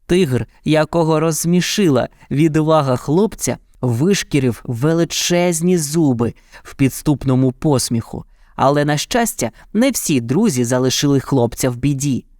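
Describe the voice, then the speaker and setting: A man narrating a children's fairy tale in an even, dramatic storytelling manner. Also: on the high side, unhurried, no echo, studio quality.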